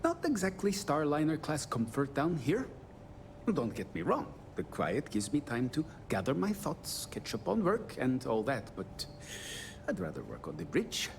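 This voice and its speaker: A man's voice: a little high, wildly swooping pitch, normal speed, creaky, slight background noise, exaggerated voice. An actor voicing a polite, hesitant, chatty and bribable male starship engineer in a video game. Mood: chatty, wistful. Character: fussy, bribable male starship engineer guarding a restricted area.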